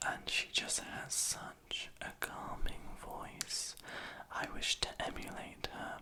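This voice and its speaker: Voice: pushed and bright, low-quality recording. Whispered ASMR ramble from a young adult. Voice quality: breathy, unvoiced whisper. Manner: hesitant, self-deprecating, rambling. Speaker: ASMR video creator. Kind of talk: whispered ASMR ramble, gossipy chat to the viewer. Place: small room in a house at night.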